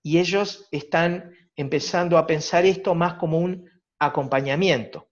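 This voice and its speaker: A man's voice: a little high, normal speed. A man with a Uruguayan accent, a psychologist giving a reflective, explanatory talk at a virtual conference. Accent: Uruguayan Spanish. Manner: reflective, explanatory, rhetorical tag questions. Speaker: psychologist lecturer. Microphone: video call. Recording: dull lo-fi video call audio.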